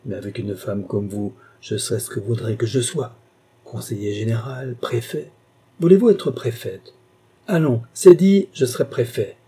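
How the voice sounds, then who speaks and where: A man playing a boisterous middle-aged country gentleman who speaks loudly and excitably. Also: on the low side, moderate pace, husky. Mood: exuberant. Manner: loud, excitable, exclaiming.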